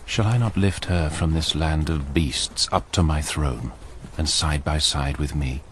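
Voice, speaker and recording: Brooding, deep-voiced King Arthur. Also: measured pace, slight background noise. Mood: anguished yearning. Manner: solemn, yearning, declamatory. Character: brooding, lovelorn young king of legend. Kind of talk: dramatic verse soliloquy.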